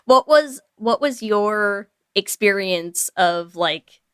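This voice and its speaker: A woman co-hosting a podcast, playful and quick to laugh, with short reactions. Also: mid-range voice, expressive, clear, resonant tone, no echo, studio quality. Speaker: podcast co-host. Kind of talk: casual podcast chat.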